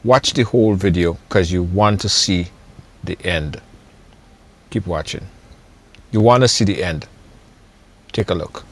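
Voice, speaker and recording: A man's voice: deep voice, measured pace, long pauses, slight background noise. A man hosting a channel, introducing a video and urging viewers to keep watching. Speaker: channel host.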